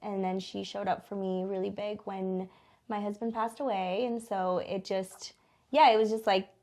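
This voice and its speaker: This American woman in her thirties, who was born in the Philippines and raised in Denver from age eight, is interviewed in a small studio about her role as a small business co-owner. Her mid-range voice is a little mellow and steady at normal speed, and she chats informally with many casual fillers like "like."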